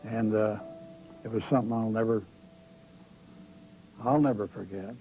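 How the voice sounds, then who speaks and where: A man's voice: lowish voice, moderate pace, over music, low-quality recording. A man in a documentary interview reflecting solemnly on a shocking day. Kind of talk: documentary interview, recalling the past.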